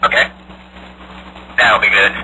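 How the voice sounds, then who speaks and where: A man's voice: lowish voice, flat delivery, slow, bright, forceful tone. Man, heard over a phone speaker, noisy line, short directions, hesitant fillers. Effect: heard through a phone speaker. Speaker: remote helper adjusting a camera. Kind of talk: casual instructions over the phone.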